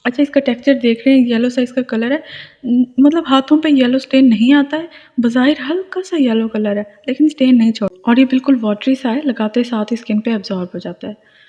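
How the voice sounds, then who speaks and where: A woman's voice: on the high side, brisk, dark tone, husky. A woman, casually and enthusiastically reviewing skincare products and laughing at herself. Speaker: beauty vlogger reviewing moisturizers. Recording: lo-fi with long reverb.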